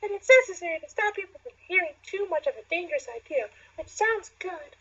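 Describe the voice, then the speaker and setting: A woman's voice: extremely high pitch, lively intonation, a little fast, fairly bright tone, pitched above the performer's own voice. A woman doing a naggy know-it-all schoolgirl. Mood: prim. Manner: nagging, prim. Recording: lo-fi, dull sound.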